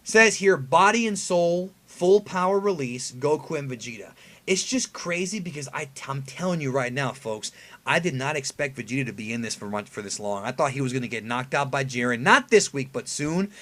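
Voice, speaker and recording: A man's voice: mid-range voice, animated, a little fast, fairly bright tone, faint music behind. A man hosting casual, conversational fan commentary on an anime episode preview, emphatic and given to rhetorical questions. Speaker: anime review video host.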